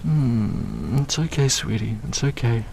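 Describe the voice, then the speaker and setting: A man speaking softly in a comforting audio roleplay, soothing and murmuring, with frequent sighs and hums. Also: medium pitch, sing-song, a little slow, creaky, noisy background.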